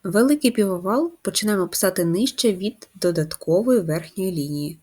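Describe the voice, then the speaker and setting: Husky-voiced woman teaching first graders. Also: medium pitch, expressive, normal speed, darkish tone. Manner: patient, step-by-step instruction with questions to children. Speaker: primary school teacher. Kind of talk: first-grade writing lesson.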